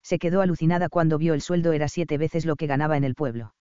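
A man narrating a romance novel audiobook in a calm, even manner. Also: on the high side, quick pace, clean tone, dry recording, highs cut off. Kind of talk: scripted narration.

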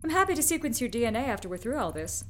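An actress playing a wry, confident ship's medic in an audio drama, with a dry, teasing manner. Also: female voice, fairly high pitch, very animated, racing, soft background music.

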